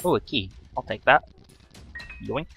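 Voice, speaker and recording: Wry, bright-voiced young man playing a game. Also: medium pitch, expressive, measured pace, vocal fry, soft background music. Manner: wry, chatty, scolding the enemies on screen. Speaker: let's play host. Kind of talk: casual gameplay commentary.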